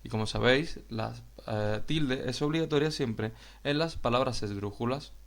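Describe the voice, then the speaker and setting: A man with a Spain Spanish accent, teaching a grammar lesson in a slow, explanatory way and addressing viewers directly. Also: mid-range voice, gravelly. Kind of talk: video lesson narration.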